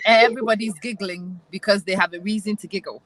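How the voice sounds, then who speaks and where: A woman's voice: mid-range voice, steady tone, fast, rough recording. A woman hosting a casual group book discussion, thinking aloud in a reflective, self-deprecating way. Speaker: book club host.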